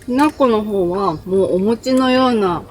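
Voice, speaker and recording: A woman's voice: mid-range voice, measured pace, background noise. A woman, chatting enthusiastically while reviewing local food for a travel vlog. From Miyazaki, Japan. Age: 20s. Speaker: travel vlogger. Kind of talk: casual food review chat.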